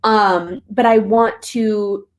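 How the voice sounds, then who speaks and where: A young woman speaks as a podcast guest, open and reflective. Her voice sits at a middle pitch, and her talk is casual, with an occasional laugh and some loose, frank wording. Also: fairly even intonation, drawn-out words. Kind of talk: candid conversational interview.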